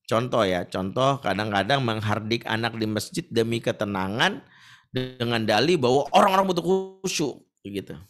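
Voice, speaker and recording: Middle-aged male preacher, animated storyteller who voices the characters. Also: mid-range voice, moderate pace. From Indonesia. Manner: animated, acts out shouting voices in stories. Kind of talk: Islamic lecture with storytelling.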